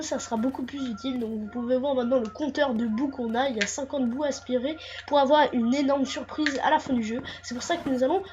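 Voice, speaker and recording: Against a noisy background, a woman with a fairly high pitch narrates a game walkthrough. Her voice is congested and nasal from a cold, and she hesitates a lot, with many fillers and restarts.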